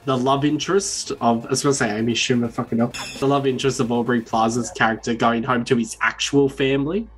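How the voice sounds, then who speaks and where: A man co-hosts a casual podcast chat, drifting from one thought to another and swearing casually while acting out the people he quotes. His middle-pitched voice keeps a steady tone, moving fast with few pauses over faint background music.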